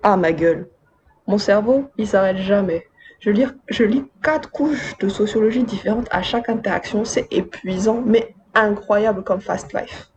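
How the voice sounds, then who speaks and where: A woman with a medium-pitched voice talks at a moderate pace over background noise. As a video essayist from Madagascar, brought up in Côte d'Ivoire and France, she offers her viewers relaxed commentary sprinkled with chatty, wry, slangy remarks.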